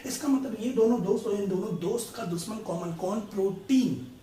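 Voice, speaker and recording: Brief: high-voiced male tutor, playful analogies, echoey room. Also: moderate pace, dark tone, far from the mic. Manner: asks the class checking questions, tells playful analogies. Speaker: biology tutor. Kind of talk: casual classroom explanation with stories. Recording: echoey room from off mic, faint noise.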